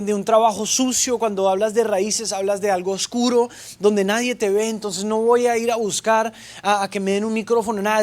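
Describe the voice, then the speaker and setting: A young man, a pastor, preaching a sermon and telling his story with playful asides and acted-out dialogue. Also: sits high. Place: church stage.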